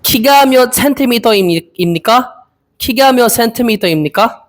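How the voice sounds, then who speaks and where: A young man in his twenties from the Philippines, practicing Korean interview answers aloud, hesitant and repeating each phrase slowly. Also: very high voice, animated. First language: Filipino. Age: 20s. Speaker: Korean language learner.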